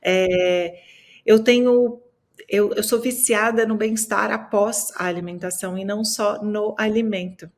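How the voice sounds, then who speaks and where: A woman's voice: mid-range voice, fairly even intonation, a little slow. A woman from Minas Gerais talking about food in a casual podcast chat, explaining with many fillers and tag questions. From Minas Gerais, Brazil.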